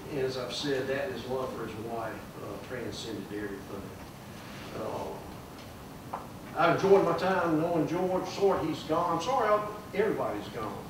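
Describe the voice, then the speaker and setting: A man's voice: medium pitch, recorded from a distance. Older man, memorial speech, hall echo, background noise. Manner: folksy, warm storytelling with fillers. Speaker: judge giving a memorial tribute. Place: large room at a plaque dedication. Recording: echoey room, mic from afar.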